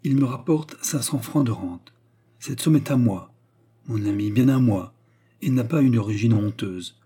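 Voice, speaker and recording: A man's voice: medium pitch, normal speed, warm tone, breathy edge, natural voice. A man voicing a scheming young kept woman in an audiobook reading, pleading and then commanding her lover. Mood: earnest.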